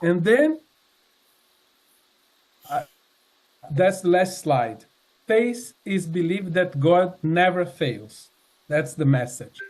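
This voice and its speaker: With lively intonation and a high, slightly mellow voice, a member in his sixties gives a sincere testimony talk with slides. He frequently restarts and fills silences with "uh" and "um," sounding plain and earnest instead of polished.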